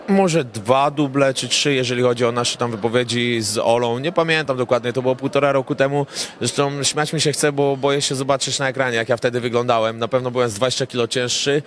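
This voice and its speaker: A young man, a rapper and songwriter, answering red-carpet questions in a relaxed, rambling way with many filler sounds, into a handheld reporter mic at a cinema premiere. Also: medium pitch. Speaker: rapper and songwriter, interview guest. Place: indoor cinema premiere event, crowded lobby. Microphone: handheld reporter mic held near him.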